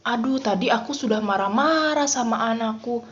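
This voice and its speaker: A woman voicing a mother who calms down and speaks fondly of her child. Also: fairly high pitch, moderate pace, slight background noise, close to an everyday voice. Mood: relieved. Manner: soft, relieved, fond. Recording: dull lo-fi recording.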